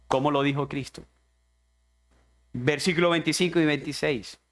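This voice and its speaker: A man delivers a fervent sermon in a high, ringing voice. He talks straight to the congregation, pressing each question on them like a brother. The tone stays earnest and urgent throughout. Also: steady tone, moderate pace. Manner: impassioned preaching, addressing the congregation as brother. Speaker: pastor. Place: church.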